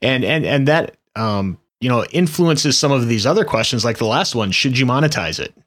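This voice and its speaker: A man co-hosting a tech podcast, relaxed and thoughtful, talking ideas through in casual chat. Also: mid-range voice, normal speed. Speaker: podcast co-host.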